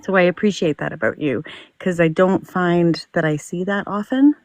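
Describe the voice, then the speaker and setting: A woman's voice: fairly low pitch, moderate pace, no echo. A woman telling personal stories casually, in a reflective and earnest way. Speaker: discussion participant.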